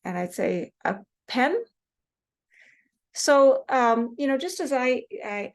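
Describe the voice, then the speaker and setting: A woman from Seattle with a US West Coast accent, giving a relaxed recorded lecture with many fillers and slowing down on example words. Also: medium pitch. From Seattle, Washington State, US West Coast. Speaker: teacher.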